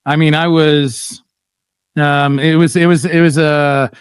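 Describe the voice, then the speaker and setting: A man's voice: fairly high pitch, flat delivery, unhurried, smooth, no room sound, studio quality. A middle-aged man hosting a casual livestream chat, telling stories bluntly and animatedly with lots of fillers. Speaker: podcast host.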